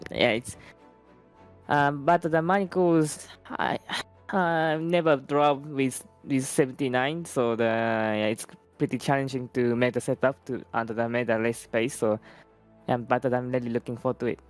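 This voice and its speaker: Halting man, smooth voice. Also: mid-range voice, fairly even intonation, faint music behind. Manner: halting, searching for words. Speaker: sim racing driver. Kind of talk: post-race interview.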